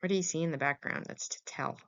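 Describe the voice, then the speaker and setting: This woman's deep, slightly bright voice moves fast as she lectures on veterinary radiography. She keeps things conversational, regularly checking in with students through quick questions; the voice-over audio is dull and lo-fi.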